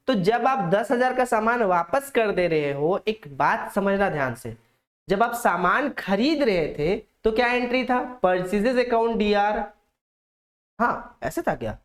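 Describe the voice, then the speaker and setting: A man's voice: high-pitched, lively intonation, measured pace. Young male tutor, casual coaxing lecture style, keeps quizzing the class and supplying the answers. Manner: asks questions aloud and answers them himself; coaxing, talks straight to the students. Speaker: accounts teacher.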